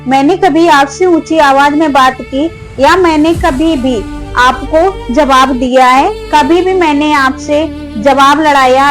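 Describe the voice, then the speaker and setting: A woman playing an outspoken young daughter-in-law who argues back politely but firmly, pleading her case in a family skit. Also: sits high. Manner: argumentative, pleading, repeatedly addressing her.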